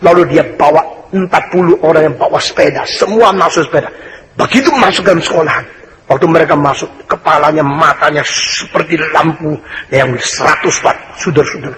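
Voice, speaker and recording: An older man preaches to a congregation and tells a story from his own life. He keeps coming back to his listeners with repeated calls, and his voice sits a little high. Plain background noise runs under the recording. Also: fairly even intonation, fairly quick. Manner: storytelling with emphatic repetition. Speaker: pastor. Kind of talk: sermon.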